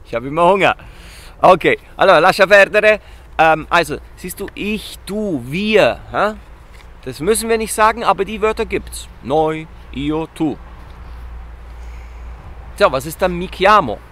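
A man with a fairly high voice giving a relaxed beginner language lesson outdoors in a town. He keeps asking his viewers questions and repeats each example word slowly and loudly. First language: Italian. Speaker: Italian teacher. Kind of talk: casual video lesson.

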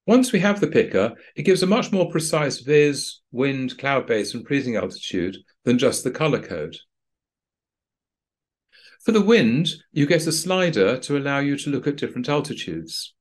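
A man narrates a screen-recorded walkthrough as a pilot instructor. His delivery is practical and dryly understated, and his pitch rises and falls in a lively way as he points things out. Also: normal speed. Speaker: flight training instructor.

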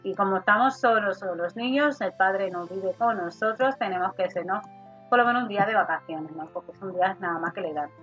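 A woman's voice: mid-range voice, a little fast, a bit bright. Chatty woman narrating her game. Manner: chatty, talks to her sim as "hija", mild swearing. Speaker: gaming youtuber. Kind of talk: casual let's play commentary. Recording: slightly dull audio with faint game music.

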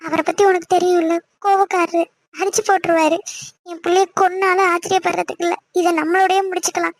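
A woman's voice: very high-pitched, flat delivery, a little fast. A woman voicing a worried, apologetic village mother. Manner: pleading and apologetic. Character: worried middle-aged village mother, timid of her husband. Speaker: cartoon voice. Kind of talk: Tamil cartoon voice acting.

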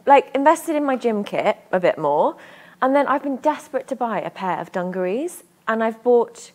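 Young woman, co-presenter, relaxed, rambling, studio chat. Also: fairly high pitch, moderate pace. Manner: relaxed, fills with "like" and "um". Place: small studio sofa.

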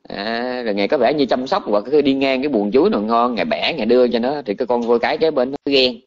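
A male monk tells a scripture story in a loose, conversational sermon, often restarting his phrases. His voice sits at a middling pitch. The recording sounds a little dull and lo-fi. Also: quick pace. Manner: colloquial, animated storytelling with restarts. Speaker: Buddhist monk teacher.

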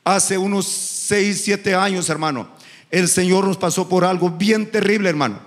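Middle-aged man, fiery preacher with a high, gravelly voice, booming through a reverberant church. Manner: impassioned, repeats "hermano" often; rises into sung, shouted cadences. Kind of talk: sermon. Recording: echoey hall reverb.

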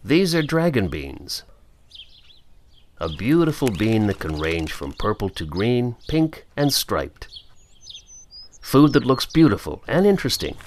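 A man from Canada narrating a scripted promotional voice-over in a calm, measured, unhurried way. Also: medium pitch, slight background noise.

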